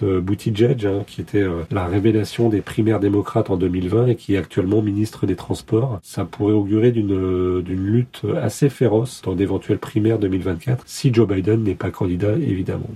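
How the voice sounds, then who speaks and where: A man's voice: on the low side, gravelly, warm tone, slightly rough. A man answering interview questions as a journalist guest, hesitant with many fillers and restarts.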